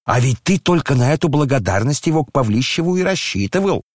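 A man's voice: medium pitch, expressive, quick pace, no echo, studio quality, voice pushed up, natural voice. A man doing a fiery scolding noblewoman. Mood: indignant scolding. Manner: scolding outbursts, exclamations.

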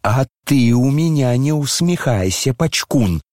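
A man's voice: mid-range voice, lively intonation, measured pace, darkish tone, no echo, pitched above the performer's own voice, close to an everyday voice. An indignant older noblewoman, voiced by a man lashes out in scolding bursts. The voice sits well above his own, and the recording is dry and close. It is storybook reading, not a full stage performance. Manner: scolding outbursts, exclamations.

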